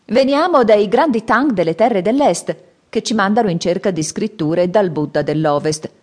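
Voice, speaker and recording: A woman voicing a sly, cheeky monkey king in an audiobook. He talks higher and louder than the narrator, cocky and teasing. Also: animated, moderate pace, natural voice. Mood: polite. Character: cheeky shape-shifting monkey king, male.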